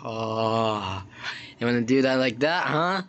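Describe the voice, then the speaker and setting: A man's voice: medium pitch, expressive, slow, a bit bright. A young man chatting casually while playing a video game with a friend, often puzzled and exclaiming at what he sees. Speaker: gamer. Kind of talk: casual gameplay chat. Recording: faint background noise.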